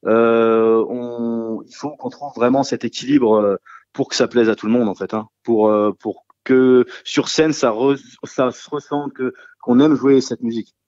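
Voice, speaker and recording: A man who sings and plays guitar in a rock trio answers radio interview questions casually and hesitantly, with lots of fillers and restarts; his first language is French. His medium-pitched voice is fairly even, unhurried, and a little mellow. The recording is dry and lo-fi.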